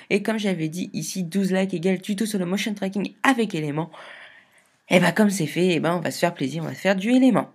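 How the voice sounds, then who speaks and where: A woman talking through a software tutorial in a casual, chatty way, explaining step by step and often hesitating. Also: lowish voice. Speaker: video tutorial maker.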